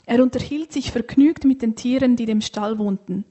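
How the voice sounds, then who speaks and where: Breathy woman storyteller. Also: on the high side, normal speed, dark tone, highs cut off. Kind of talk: children's story reading.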